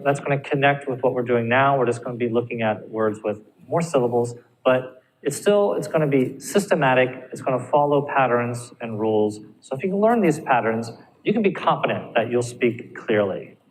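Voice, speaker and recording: A male ESL teacher giving a recorded speaking lesson, encouraging and often checking in with his students. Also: medium pitch. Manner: encouraging, checks in with frequent "all right?". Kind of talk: recorded classroom lecture. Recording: reverberant room with faint ambient noise.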